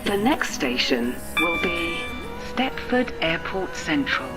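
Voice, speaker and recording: A woman's automated train announcement, built from spliced-together recorded words. Her low voice swings widely in pitch and moves slowly from word to word, with loud music underneath. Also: very animated. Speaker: train announcer in a video game.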